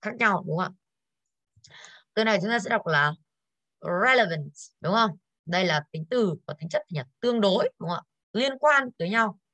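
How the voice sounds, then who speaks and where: A woman's voice: medium pitch, animated, brisk, a bit bright, no echo. A woman English teacher going over exercises in an online class, tired and coughing now and then, who keeps putting questions to her students.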